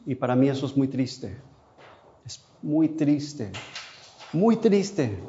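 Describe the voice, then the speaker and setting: A male preacher delivers an emotional sermon at an unhurried pace. His voice is mellow and dark, falling soft and low before lifting again with feeling. The recording is dull and lo-fi. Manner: emotional, swings between soft and loud with long pauses; non-native Spanish, asks how to say a word. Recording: dull lo-fi sound.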